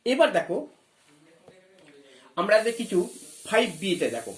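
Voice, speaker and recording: A high-pitched man from West Bengal, with big swings in his pitch, leads an English grammar lesson in an echoey room. He explains step by step, asks questions, spells out words letter by letter, and reads English phrases slowly.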